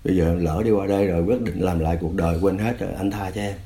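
A man voicing a frightened former policeman who pleads softly and confesses. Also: deep voice, fairly even intonation, fast. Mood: confessing. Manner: pleading, soft and apologetic.

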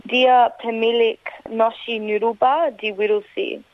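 A woman's voice: fairly high pitch, flat delivery, slow pace, no room sound. A young woman with an Australian accent, a native English speaker speaking Indonesian as a foreigner with careful phrasing in an interview. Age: young adult. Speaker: interviewee, local council candidate. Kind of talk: radio interview answers, somewhat prepared. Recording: tinny narrow phone line.

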